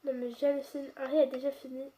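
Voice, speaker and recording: High-voiced woman reading a story. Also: little pitch movement, fairly quick, warm tone. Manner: chatty narration with restarts and asides. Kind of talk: first-person story reading.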